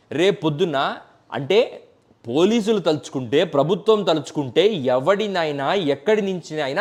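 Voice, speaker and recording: A man giving an impassioned political commentary, stacking repeated phrases and mixing in English words. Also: sits high. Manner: mixes English words into speech.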